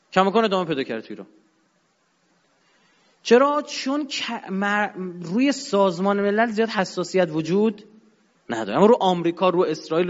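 A man with a high voice lectures with force, swinging between loud peaks and low asides. The sound is dull and lo-fi, with a long hall reverb trailing behind him. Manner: emphatic, rising and dropping sharply. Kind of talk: religious-political lecture.

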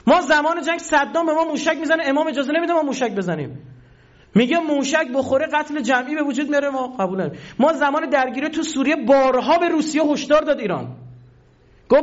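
Animated high-voiced male professor. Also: lo-fi sound. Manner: animated, storytelling, addresses listeners as dear ones. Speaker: university professor. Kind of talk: public talk to an audience.

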